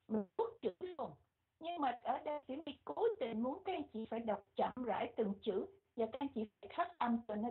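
A woman with a Vietnamese accent teaching English pronunciation, repeating words slowly and switching between English and Vietnamese. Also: high-pitched, slightly rough. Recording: muffled, phone-like lo-fi audio.

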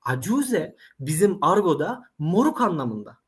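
Lively, animated Turkish-speaking man teaching. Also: fairly high pitch, measured pace. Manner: animated storyteller, addresses audience directly. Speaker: Arabic teacher. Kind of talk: casual interview conversation.

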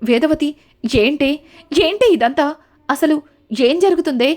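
Woman as stern middle-aged mother-in-law, scolding, high voice. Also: unhurried, a little mellow.

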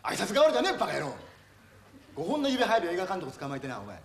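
An actor playing a gruff middle-aged TV production boss who berates his staff roughly and throws in insults all the time, in a stage comedy monologue. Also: high voice, wildly swooping pitch, fast talker, a bit bright, heavily acted. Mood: scolding. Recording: echoey stage recording from far off, noisy.

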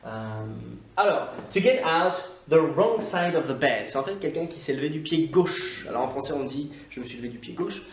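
A man's voice: a little high, animated, far from the mic, a little hiss or hum. Chatty man teaching, roomy and off-mic. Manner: chatty, many "euh" fillers, slow drawn-out English examples. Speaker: English teacher. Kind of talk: casual video lesson.

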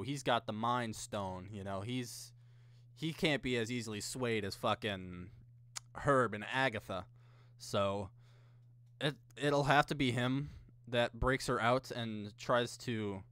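A man's voice: medium pitch, takes it slowly, a bit bright, clear, resonant tone. A young man giving casual, sweary reaction commentary, recorded close on a microphone in a small room. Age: young adult. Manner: informal, sweary. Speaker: reaction video host. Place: small indoor room at a desk. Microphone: close condenser mic with pop filter.

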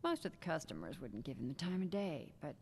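A sultry video-game lounge singer with a very low, gravelly purr. She flirts and teases, sliding into breathy near-whispers. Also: very animated, a little fast, a little mellow, a little hiss or hum, full character voice. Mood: confiding. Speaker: bar singer character.

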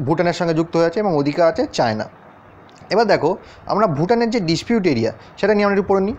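Over a map, a man teaches an exam-prep lesson, speaking directly to his students and often checking in with questions. His voice is high and a little mellow, with slight background noise and a dull, lo-fi recording quality.

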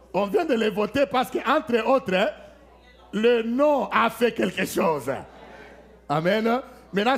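A man preaching a sermon at a church service. He preaches emphatically, with rhetorical questions and frequent amens, and shifts his voice to act out Bible scenes. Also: sits high. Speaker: pastor.

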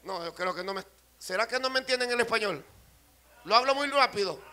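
A man from El Salvador with a Salvadoran Spanish accent, preaching a fervent sermon at a church service, swinging from quiet talk to shouting and calling out to the congregation. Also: very high-pitched, lively intonation, a little fast.

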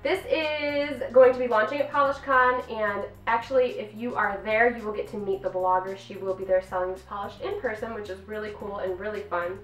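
A woman's voice: medium pitch, steady tone, brisk, few pauses. Female host, 30s, upbeat review vlog; echoey room, distant mic. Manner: bubbly and gushing. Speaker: nail polish reviewer. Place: home filming room. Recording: roomy, distant mic, faint music.

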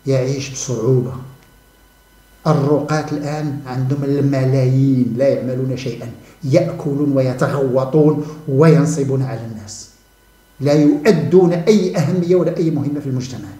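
A man's voice: mid-range voice, fairly even intonation, a little fast, mellow, echoey room. A man with a Moroccan accent delivering an impassioned monologue, mocking and repeating himself as he speaks. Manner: fervent and mocking, repeats phrases, breaks into scornful laughter. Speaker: channel host giving commentary.

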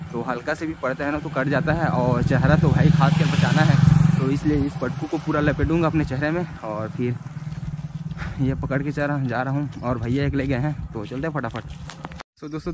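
Young man, chatty vlogger, phone mic at arm's length, outdoor fields, faint background hiss. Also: mid-range voice. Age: young adult. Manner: chatty, addresses viewers as friends and brothers. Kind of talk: casual vlog. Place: outdoors, rural fields and village lanes.

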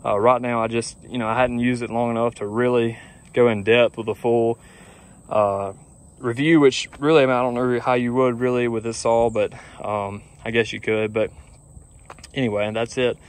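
A young man who runs a lawn care business vlogs casually outdoors in a grassy yard, speaking to a phone camera held at arm's length. He rambles easygoingly with lots of fillers, his mid-range voice steady and moderately paced.

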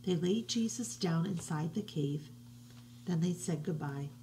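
A middle-aged woman reads a picture book to children from her home, slow and hushed, sometimes dropping to a soft whisper. Her voice sits a little low with a gravelly edge. It is picked up by a webcam, with a faint hiss behind. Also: rough recording. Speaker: children's religious educator. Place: living room at home, indoors. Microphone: webcam at desk distance.

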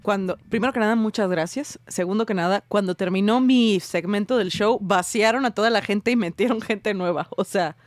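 A woman's voice: medium pitch, moderate pace, hardly any pauses, no echo. A woman, a comedian guest chatting playfully and laughing often. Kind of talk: casual chat.

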